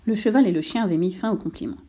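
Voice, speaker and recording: A woman narrating a children's storybook in a steady, clear reading voice. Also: medium pitch, racing.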